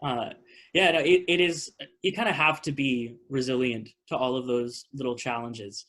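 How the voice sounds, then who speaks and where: Over a video call, a man hosts a post-show theater talkback, fielding questions conversationally and thinking aloud in casual Q&A style. His voice is medium-pitched and a bit bright, at normal speed.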